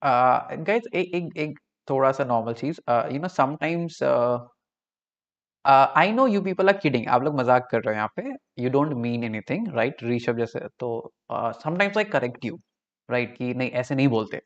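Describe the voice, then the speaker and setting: Indian guy teaching online, slow deliberate talk, kinda dull audio, keeps asking right?. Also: mid-range voice, expressive. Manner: mixes Hindi and English, chatty, checks in with "right?". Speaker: online tutor. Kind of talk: live online class.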